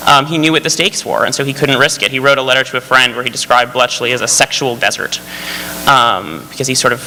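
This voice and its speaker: A man's voice: mid-range voice, steady tone, quick pace, bright, forceful tone. A man speaking as a screenwriter on a festival panel, eager and rambling, with many fillers and restarts. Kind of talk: panel discussion. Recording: hall reverb, faint hum.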